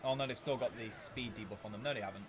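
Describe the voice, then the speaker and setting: A man's voice: mid-range voice, fast talker. A man giving strategy game commentary as a video host, playfully theatrical, talking to his units and making mock threats.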